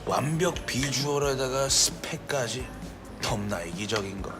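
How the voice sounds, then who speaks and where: Man acting a chatty, animated young student. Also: medium pitch, measured pace, music in the background, natural voice. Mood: gossipy. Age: young adult. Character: chatty, gossipy young male student among friends. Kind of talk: screen drama acting, casual banter.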